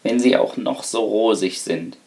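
A man's voice: medium pitch, expressive, unhurried, natural voice. A man voicing a scheming, self-pitying rat that speaks with false politeness and solemnity. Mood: solemn pleading. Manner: wheedling, falsely solemn and mannerly.

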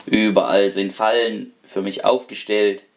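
A man's voice: fairly low pitch, level tone, a little slow, gravelly, voice pushed down. A sly old rat pleads its case with exaggerated politeness and self-pity, as a male storyteller puts it on. Its tone is mannerly and falsely solemn, the voice of a fable creature.

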